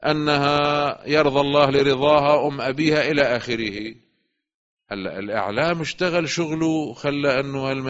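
A man giving a religious lecture, swinging between loud urging and quiet asides. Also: medium pitch. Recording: dull lo-fi recording.

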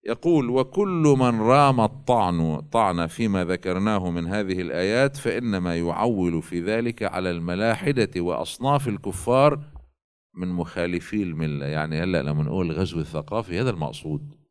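Man giving a slow, deliberate religious lecture. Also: low voice, expressive, clear, resonant tone. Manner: alternates slow quoted readings with colloquial asides. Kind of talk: religious lecture reading from texts.

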